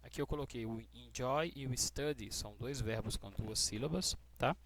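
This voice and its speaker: A Brazilian man teaches an English grammar lesson in a gravelly, mid-range voice. He explains each rule patiently and spells letters out slowly. He keeps checking in with quick questions to his students. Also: mid-range voice, background noise. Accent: Brazilian Portuguese. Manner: spells out letters slowly, stressing key words.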